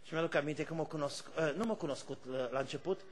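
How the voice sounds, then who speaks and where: A male pastor preaching a fervent sermon, shifting between shouted praise and quiet storytelling. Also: a little high.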